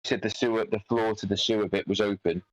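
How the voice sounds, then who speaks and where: A man's voice: fairly low pitch, fairly even intonation, quick pace, no echo, lo-fi sound. A man playing a tabletop game on a headset, asking questions hesitantly and stumbling over his words. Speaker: player.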